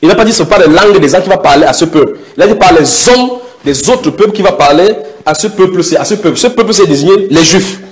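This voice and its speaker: A man with a high-sitting, animated voice preaches a sermon, firing questions at the congregation. He's emphatic, drawing out key words for stress.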